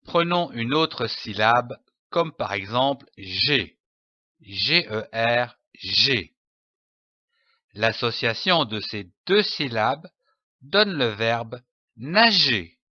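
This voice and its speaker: A man with a French accent gives a reading lesson for young children, spelling out each letter and then the syllable it makes. He speaks extremely slowly, and his bright, clear voice rises and falls with lively pitch. The recording is dry and close, with a slightly dull, muffled tone. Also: dry recording. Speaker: teacher.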